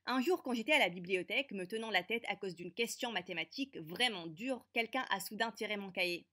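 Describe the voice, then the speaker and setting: A woman voicing a feisty teenage girl who narrates an animated story with brisk, sarcastic wit. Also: mid-range voice. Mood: sardonic.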